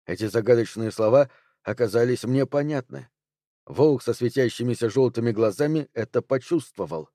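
A man reads a fantasy novel aloud in a measured, even storytelling manner. His tone is mellow and dark. The recording is dry and close, with no room around him. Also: mid-range voice, no room sound. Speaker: audiobook narrator. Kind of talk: scripted narration.

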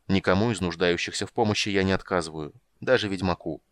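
A man reading a calm, upright knight. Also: deep voice, fast talker, dry recording, natural voice. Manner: calm, dignified. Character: calm, righteous male knight errant.

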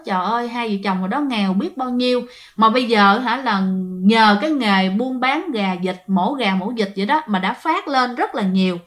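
Woman, ghost story teller, chatty and direct with listeners, a bit high-pitched. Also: fairly bright tone. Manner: chatty, addresses listeners, many fillers. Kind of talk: told ghost story narration.

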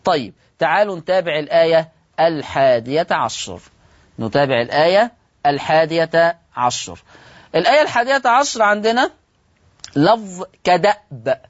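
A man's voice: a little high, animated, no echo. Egyptian-accented male recitation teacher, asks and answers his own questions, dull dry broadcast audio. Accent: Egyptian Arabic. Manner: asks rhetorical questions and answers them, slows down to stress rules. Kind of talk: televised religious lesson.

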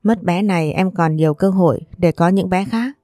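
A woman's voice: on the low side, moderate pace, dark tone, dry recording, clean studio sound, faint music behind, natural voice. A woman doing a blunt weary doctor. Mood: calm. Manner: blunt, matter-of-fact. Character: curt, weary ultrasound doctor, middle-aged woman.

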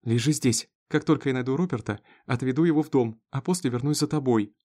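A male narrator voicing a frantic, anxious farm wife who turns sharp and commanding. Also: mid-range voice, fast talker, natural voice. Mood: firm.

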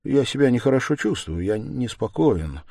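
A man voicing a troubled, brooding young man who speaks in a halting, strained and insistent way. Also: medium pitch, big pitch swings, vocal fry, dark tone, dry recording, clean studio sound, voice pushed up.

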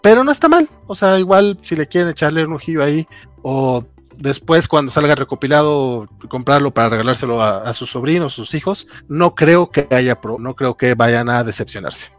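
A man's voice: medium pitch, expressive, normal speed, dry recording, soft background music. Mexican man rambling about comics. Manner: rambling with many fillers. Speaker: comic book reviewer. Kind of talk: casual livestream chat. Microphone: remote call with lag.

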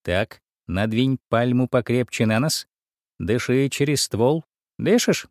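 A man voicing a bossy, chatty big female mouse in a storybook reading, with a squeaky voice. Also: animated, takes it slowly, dry recording, clean studio sound. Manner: bossy, fussy.

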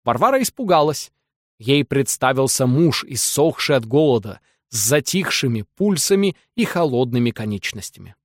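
A man narrating a literary novel as an audiobook, in a lively, ironic storytelling manner. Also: medium pitch, moderate pace, no echo, clean studio sound.

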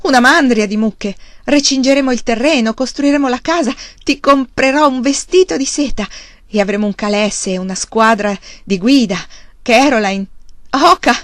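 A woman doing an overjoyed young farmer shouting. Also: medium pitch, little pitch movement, moderate pace, few pauses, no echo, studio quality, close to an everyday voice. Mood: elated shouting. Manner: shouting breathlessly with joy. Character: excited young male farmer, exuberant, boastful.

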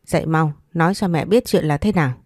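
A woman's voice: deep voice, quick pace, a little mellow, no echo, clean studio sound. A woman voicing a harsh rural mother who scolds and threatens in a story reading. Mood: furious.

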